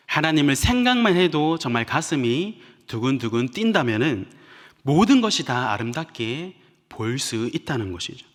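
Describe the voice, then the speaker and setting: A man's voice: fairly high pitch, a bit bright. A male pastor preaching a sermon, who acts out little everyday scenes and makes playful sound effects. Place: church sanctuary. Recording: church hall reverb.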